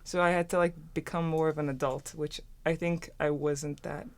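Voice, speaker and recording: Against a noisy background, a low-pitched woman speaks at a moderate pace in a steady tone. She's a student co-host in her twenties from Turkey, a native German speaker, recounting her story casually with plenty of restarts.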